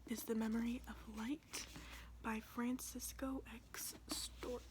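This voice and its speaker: A woman doing a whispered role-play as a librarian, softly recommending books in an informal, halting way. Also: fairly high pitch, little pitch movement, poor audio. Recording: clearly audible background noise.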